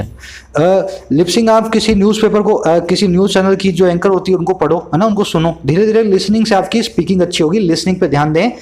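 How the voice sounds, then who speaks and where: High-voiced Indian English tutor. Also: male voice, a little mellow. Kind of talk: explaining newspaper vocabulary.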